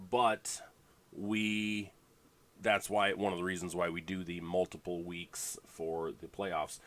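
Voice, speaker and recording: Male league host, congested, low-pitched, loose rambling livestream chat with fillers. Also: no echo. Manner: rambling, full of fillers and restarts.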